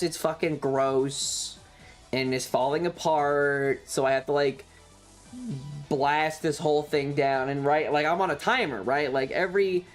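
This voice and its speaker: A fairly high-pitched man, a streamer, rambles casually through a story on his livestream, cursing with exasperation and acting out pieces of dialogue as he talks.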